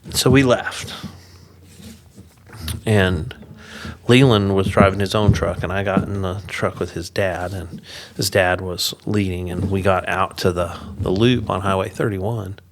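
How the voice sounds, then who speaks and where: A middle-aged man telling a personal story as a podcast guest, animated at times and quiet and slow at the sad parts. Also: low-pitched. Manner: animated storyteller who drops quiet and slow when recounting loss.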